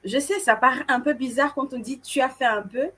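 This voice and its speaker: Woman from Cameroon, playful storyteller, fairly high voice, casual event presenting. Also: fairly quick, bright, forceful tone. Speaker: event co-host.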